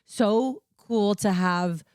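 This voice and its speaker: A woman's voice: mid-range voice, extremely slow, a little mellow, clear, resonant tone, no room sound, studio quality. A woman co-hosting a podcast, chatty and upbeat, full of "like". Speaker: podcast co-host. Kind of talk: casual chat.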